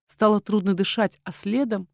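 A woman narrates a fantasy audiobook in a lively, dramatic way. Her voice sounds dry and close, with no room around it. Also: medium pitch, normal speed, gravelly, no echo.

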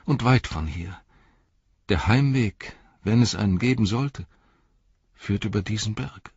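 A man's voice: on the low side, measured pace, a little mellow, slightly rough, no room sound, lo-fi sound, voice pushed up. A man doing a weary, stubborn hobbit. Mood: wistful. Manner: defiant, dogged.

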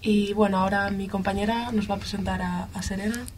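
A woman's voice: medium pitch, fairly even intonation, brisk, heavy background noise. A woman hosting a university radio programme, greeting listeners and asking the guest questions in a friendly, conversational way. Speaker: radio host.

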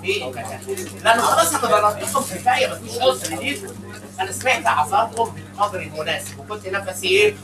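A man with an Egyptian Arabic accent giving a classroom lecture, animated and teasing, mixing English terms into his speech. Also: sits high, fast, over music. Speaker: accounting lecturer. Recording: echoey room miked from a distance with background noise.

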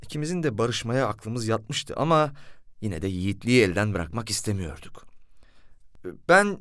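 A man narrating an audiobook story in an expressive, storytelling manner. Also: fairly low pitch, normal speed, no echo, clean studio sound. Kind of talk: scripted narration.

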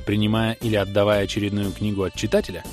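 A man narrating a fantasy audiobook with a steady, expressive reading. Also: fairly low pitch, fast talker, soft background music. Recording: dry studio voice-over.

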